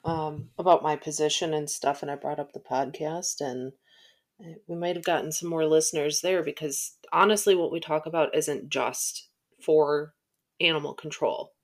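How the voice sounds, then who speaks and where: Low-voiced woman telling a work story. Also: steady tone, normal speed. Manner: chatty, retells conversations with quoted lines. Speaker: podcast co-host, animal control officer. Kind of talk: casual podcast chat, storytelling.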